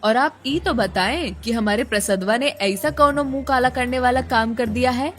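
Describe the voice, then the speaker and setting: A woman's voice: fairly high pitch, normal speed, soft background music, close to an everyday voice. A woman playing a rustic indignant mother. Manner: indignant, rustic village speech. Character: middle-aged mother, proud and quick to scold.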